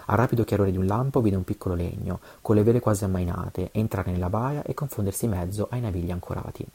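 A man's voice: deep voice, quick pace, gravelly, mellow, breathy edge. A man reading an adventure novel aloud, with occasional stumbles and self-corrections. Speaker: audiobook reader.

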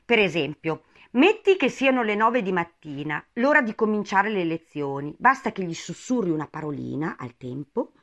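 A woman doing an excitable, scornful mad hatter. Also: fairly low pitch, moderate pace, few pauses. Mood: scornful, excited. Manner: animated, indignant, rambling.

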